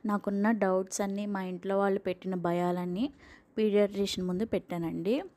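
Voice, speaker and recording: A woman's voice: mid-range voice, steady tone, a little fast, warm tone. A young woman, a mother, talking casually and earnestly to viewers, reassuring them and listing newborn-care tips one by one. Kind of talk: casual spoken vlog advice.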